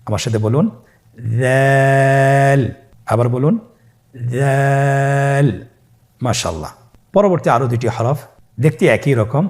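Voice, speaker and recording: A man teaching Quran reading letter by letter in a recorded lesson, calm and patient, stretching each letter sound and asking listeners to repeat after him. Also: mid-range voice, fairly quick. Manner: calm, patient, with frequent pious interjections.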